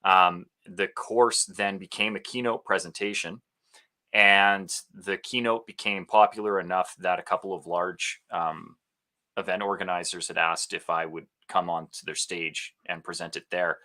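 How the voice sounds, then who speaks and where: Speaking at a moderate pace in a deep voice, this podcast guest from Alberta, Canada, works as an actor and speaker. In a relaxed interview he tells his story with animation, breaking into laughter and acting out quotes.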